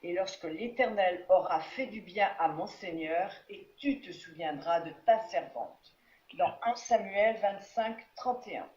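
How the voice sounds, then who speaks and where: A woman student reading aloud in an online class, sounding out words haltingly. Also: on the low side, a little mellow. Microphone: video call. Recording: echoey dull video-call audio.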